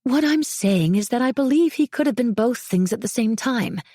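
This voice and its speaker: A woman voicing a gentle, poised woman who speaks calmly and hesitantly. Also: on the high side, moderate pace, no echo, studio quality, pitched above the performer's own voice. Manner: calm, hesitant, patient.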